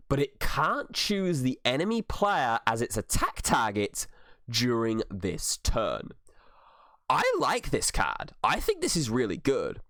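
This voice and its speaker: A man's voice: mid-range voice, a bit bright, no room sound, studio quality. A man reviewing new trading card game cards, talking through each card's stats and uses in an analytical way. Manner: analytical, with some filler restarts.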